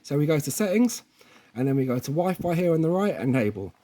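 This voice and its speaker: Fast and sing-song, the fairly high-pitched but dark-toned voice belongs to a man presenting an informal hands-on tech installation tutorial who often checks in with the viewer.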